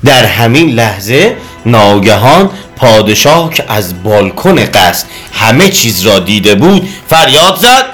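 Male storyteller; expressive, rising and falling delivery, faint music bed. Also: fairly low pitch. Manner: lively, expressive reading. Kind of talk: storybook narration. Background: soft music.

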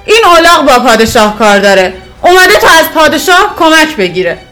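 A man voicing a clever, bold young village boy who speaks quickly and eagerly in a storybook reading. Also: very high-pitched, very animated, pushed and bright, soft background music, pitched above the performer's own voice, heavily acted.

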